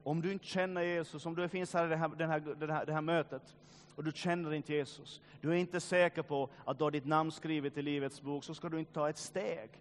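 Fiery preacher with a raised voice. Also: male voice, fairly high pitch, fairly even intonation. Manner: dramatic swings between loud urging and quiet grave tones; joking asides, addresses listeners directly. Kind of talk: sermon. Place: church meeting.

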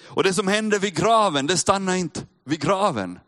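Male preacher, fairly high voice, chatty sermon delivery that builds in emphasis. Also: animated, fairly bright tone. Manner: conversational, addresses listeners directly, rises in emphasis. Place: church with a live audience.

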